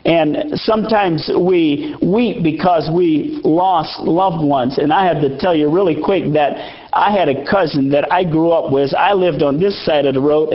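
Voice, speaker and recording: Slow, high-voiced preaching man. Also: highs cut off. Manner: slow, emphatic preaching with repeated phrases. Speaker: pastor. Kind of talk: sermon. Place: church sanctuary.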